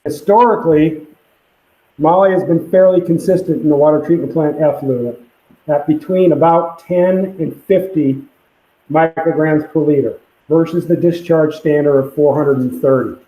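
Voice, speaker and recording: Reading from a permit, a male site presenter gives a plain, matter-of-fact technical briefing on a public conference call. His warm voice is on the high side, steady, and at normal speed, but the call audio is echoey and muffled, like speech through a pipe from a computer mic.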